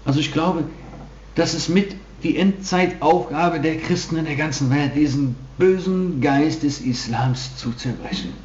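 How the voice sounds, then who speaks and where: A man's voice: fairly high pitch, measured pace, a little mellow, slight background noise. Emphatic male preacher in a roomy hall. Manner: emphatic preaching with frequent restarts. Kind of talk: sermon. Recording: dull roomy hall recording.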